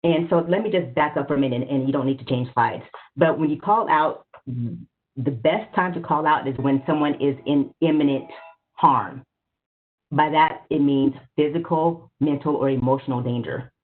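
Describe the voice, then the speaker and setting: A woman's voice: deep voice, normal speed. A woman presenting a workshop on a webinar, speaking conversationally and often checking in with "right?". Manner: conversational, asks for slides, frequent "right?". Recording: phone-like narrow audio.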